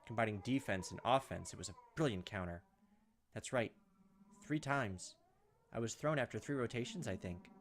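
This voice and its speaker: A medium-pitched man narrates a visual novel for his gameplay video, mixing dramatic, punchy read-aloud lines with joking commentary. Game music plays underneath, and there's a little hiss or hum.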